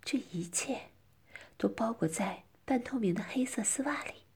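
A woman's voice: on the high side, a little slow, husky. A middle-aged woman narrating a first-person story as whispered role-play, coy and often dropping into a whisper.

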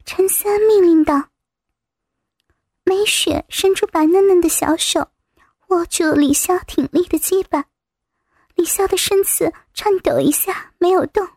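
A woman reading a story aloud as narrator, in a soft, slightly breathy manner. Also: very high-pitched, a little slow, pauses often, dry recording, studio quality.

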